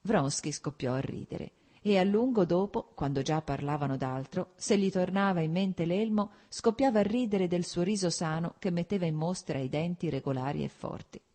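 A woman reading a classic novel aloud as scripted audiobook narration, at a measured, even pace. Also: lowish voice. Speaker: audiobook reader.

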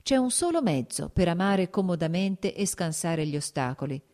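Worldly married male officer, read by a woman, persuasive, measured, low-set voice, audiobook. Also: very animated, dark tone.

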